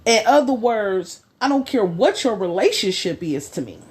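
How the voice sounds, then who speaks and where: A woman co-hosting a podcast discussion, speaking emphatically with a preaching cadence and slow, stressed phrases. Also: mid-range voice, very animated, darkish tone, a little hiss or hum. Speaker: podcast co-host.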